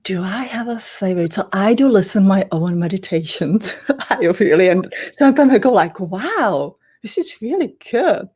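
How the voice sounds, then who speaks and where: Being interviewed, a middle-aged Czech energy healer, a native speaker with a Czech accent, explains things in a loose, rambling, casual style. Her mid-range voice is animated, a bit mellow and husky, and moves at a moderate pace.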